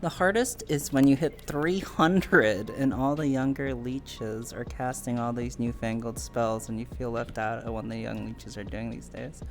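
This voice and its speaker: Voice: medium pitch, steady tone, unhurried, hardly any pauses, soft background music. A podcast host in casual interview chat on a stream, chatty, joking and rambling.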